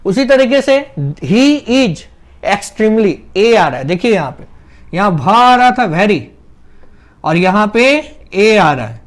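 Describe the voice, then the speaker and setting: A man gives a grammar lesson at an unhurried pace, slowly walking through each example. He poses questions to his students and answers them himself, drawing out vowel sounds to show pronunciation. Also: high voice, sing-song. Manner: explains step by step, asks and answers his own questions; drags out vowel sounds when demonstrating pronunciation. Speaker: English teacher. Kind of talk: classroom-style grammar lesson.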